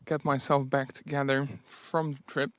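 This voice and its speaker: A man's voice: mid-range voice, little pitch movement, normal speed, fairly bright tone, no echo. A man telling anecdotes in a casual, rambling, self-deprecating audio diary while out on a walking trip. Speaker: travel vlogger on a solo walking trip.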